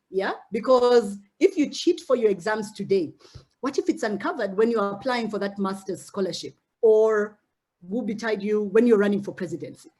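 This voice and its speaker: A middle-aged Ugandan mentor addresses her cohort of young women mentees in a motivational talk that is earnest and direct, with frequent repetition of words. The voice is a little high and a little mellow.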